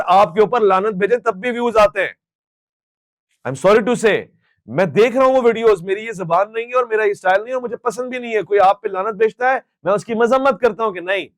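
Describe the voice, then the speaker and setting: Male Pakistani host, fervent and reproachful, high voice, bone-dry close sound. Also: dry recording. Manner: impassioned, scolding, switches into English phrases. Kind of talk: public Q&A answer.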